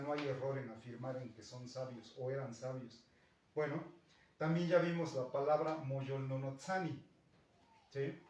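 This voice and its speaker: A man's voice: mid-range voice, darkish tone. Mexican male language teacher, patient classroom explainer, recorded from across an echoey room with faint hiss. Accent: Mexican Spanish. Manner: patient, checks in with "¿no?" and "¿sí?". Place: school classroom. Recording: echoey classroom, distant mic, faint noise.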